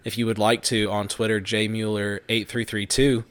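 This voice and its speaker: A man's voice: lowish voice, level tone, normal speed, a bit bright, no echo. A man in his thirties hosting a podcast, chatting casually and rambling with fillers and restarts. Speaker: podcast host. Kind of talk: casual chat.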